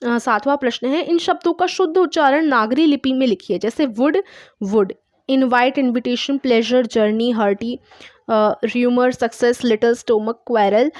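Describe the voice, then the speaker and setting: A woman's voice: on the high side, moderate pace, a little mellow, no room sound, clean studio sound. A woman teaching a course online, patiently explaining a test step by step with examples and reading words aloud. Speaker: English teacher.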